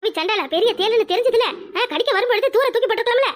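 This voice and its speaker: A woman's voice: extremely high pitch, fast, a bit bright. A woman doing a bossy old village granny. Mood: scolding. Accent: Tirunelveli Tamil. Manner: scolding, fussing, chatty. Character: old village grandmother, bossy but caring. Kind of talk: cartoon voice acting.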